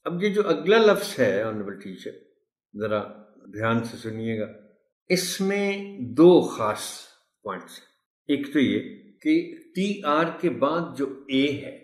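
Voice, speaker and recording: A male English pronunciation tutor gives a tutorial for teachers, speaking slowly and deliberately in a medium-pitched, very animated voice. He repeats words to model stress and addresses listeners politely and formally. The room is echoey.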